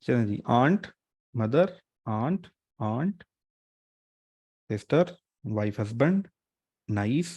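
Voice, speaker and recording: A male teacher runs an online exam-prep class in a chatty, joking way. His voice sits at an ordinary middle pitch and is recorded dry and close on a desk mic, with no room sound. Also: lively intonation, slow, pauses often, mellow, husky, no echo. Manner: chatty, joking teacher mixing English terms.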